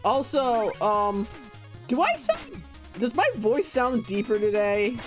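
Very animated but speaking slowly, a young game streamer keeps up a playful, casual chat and laughs often. Though his voice is naturally deep, it comes across light and giggly, with game music faintly audible.

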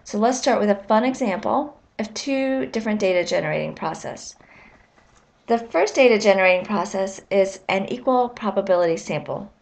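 A woman lecturer giving a recorded lesson, explaining with measured, clear phrasing and the odd filler. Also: medium pitch, animated, a little mellow.

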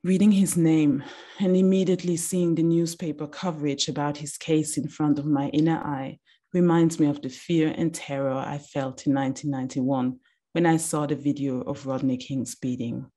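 An Austrian woman in her thirties reads a reflective text slowly and deliberately over a video call from a small room. Her voice is deep, dark, and steady in tone.

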